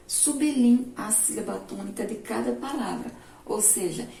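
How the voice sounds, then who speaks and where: A woman primary school teacher with a Brazilian Portuguese accent, giving a remote lesson slowly, step by step, and asking the class questions. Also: mid-range voice, vocal fry, mellow. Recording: echoey room, distant mic, faint noise.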